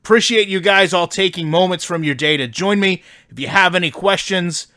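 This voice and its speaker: A smug corporate executive acted out by a man hosts a staff conference call in a comedy parody. His voice is bright and forceful, set slightly high. He speaks with earnest, measured politeness and firm emphasis. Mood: politely condescending.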